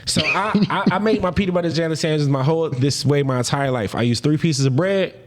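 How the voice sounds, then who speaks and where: A man in his thirties from New Jersey telling a story in a casual interview, slangy and animated, acting out the people he quotes. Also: a little high, brisk, background noise. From Paterson, New Jersey. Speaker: guest.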